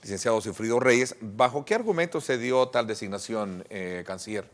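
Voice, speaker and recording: A man's voice: fairly low pitch, expressive, normal speed. A male interviewer who poses pointed questions and backs the guest with short affirmations. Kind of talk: formal political interview.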